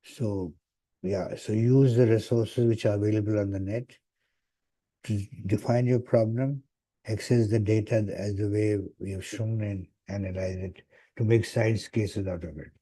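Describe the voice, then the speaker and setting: A man's voice: lowish voice, steady tone, a little slow, warm tone. A man giving an online lecture, heard over a video call, hesitant with frequent "uh" fillers. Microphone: computer mic on a video call.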